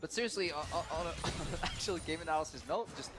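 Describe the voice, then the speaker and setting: A man's voice: on the high side, fast, background noise. A man giving analytical color commentary on a live video game match. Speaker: esports analyst. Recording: commentary over game music.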